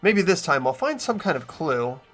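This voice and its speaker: Soft music plays behind a young man whose fairly high voice is sing-song and fairly bright, at normal speed. Hosting a game playthrough, he reads the story narration aloud and chats informally.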